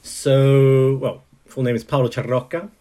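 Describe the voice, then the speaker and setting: An Italian software engineer appears as an interview guest, speaking in a warm, steady, mid-range voice at a measured pace. He comes across as thoughtful, restarting sentences often and using plenty of fillers.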